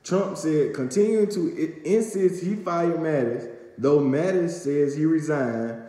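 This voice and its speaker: A young man with a slightly high, mellow voice recaps the news to camera at a measured pace, reading aloud with stumbles and fillers. He's filming on a phone held at arm's length in a small room at home, where the echo lingers with long reverb.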